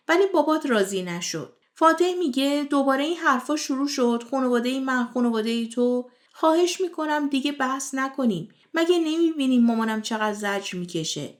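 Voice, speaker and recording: A woman with a fairly high voice tells the plot of a television drama. She reads from a script in a steady storyteller's manner and passes on each character's lines as reported speech. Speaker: series recap host. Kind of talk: scripted narration retelling a TV series.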